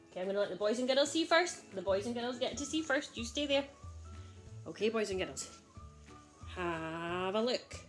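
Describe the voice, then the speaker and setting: A woman presenting a children's game like an overbright party host, encouraging and exaggeratedly enthusiastic. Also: medium pitch. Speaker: children's holiday club host.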